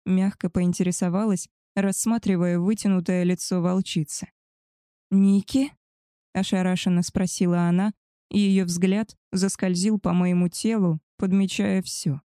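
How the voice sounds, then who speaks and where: A young woman narrating a first-person audiobook in a calm, even storytelling manner. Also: on the low side, moderate pace, no room sound, studio quality.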